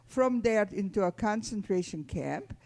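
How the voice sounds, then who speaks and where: Old lady telling her story to schoolkids, slow and careful, talks right to the children. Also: mid-range voice, expressive, creaky, darkish tone. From Hungary. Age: 80s. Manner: measured, deliberate, addressing children directly. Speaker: Holocaust survivor speaking to students. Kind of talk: testimony talk to a school audience.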